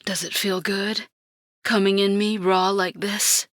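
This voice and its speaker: A woman voicing a passionate young woman in an audiobook, breathy and pleading. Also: medium pitch, drawn-out words, sharp tone, no echo, clean studio sound, exaggerated voice. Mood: urging. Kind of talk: audiobook character acting.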